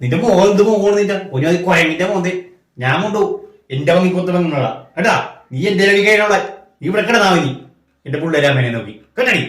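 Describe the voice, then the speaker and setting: An arrogant, cruel husband, played by a man, scolding with open contempt. He talks very fast in a slightly high voice. The recording has a strong room echo. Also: animated, fairly bright tone. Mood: contemptuous. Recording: echoey room.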